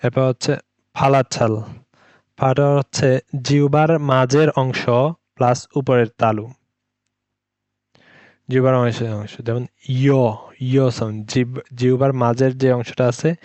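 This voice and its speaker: Slow, even-voiced male pronunciation teacher. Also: mid-range voice, no room sound. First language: Bengali. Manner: slow, patient, repeats sounds many times. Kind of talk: language lesson.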